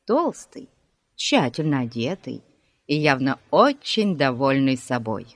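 Expressive audiobook narrator. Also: mid-range voice, measured pace, dry recording. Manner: expressive storytelling.

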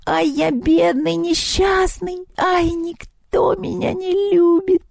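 Woman doing a whiny little male house spirit, squealing high, sulky and wailing, storybook voice. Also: moderate pace, warm tone, no echo, studio quality, lightly acted. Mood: sobbing.

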